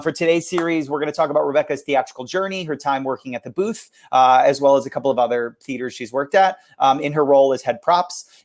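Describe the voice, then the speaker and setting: A man hosting a live-streamed interview series over a video call, talking quickly and upbeat with many fillers. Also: on the high side. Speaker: host of a virtual theater tour series.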